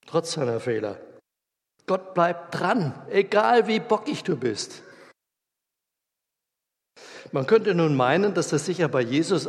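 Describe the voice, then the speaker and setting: A man preaching a sermon in a lively, colloquial way, acting out the scenes he tells. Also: medium pitch, creaky. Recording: reverberant hall.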